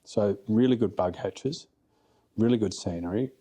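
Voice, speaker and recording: A middle-aged Australian man, working as a fly fishing guide, spins casual podcast stories with blunt, blokey talk and repeated emphasis. His lowish voice is mellow and moves at a moderate pace.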